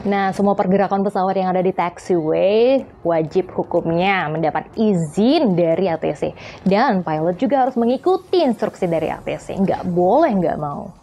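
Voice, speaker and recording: In a lowish, dark-toned voice at a moderate pace, a woman hosts an aviation explainer with lots of expression. Her approach is casual and conversational, joking around and acting out short exchanges to get points across.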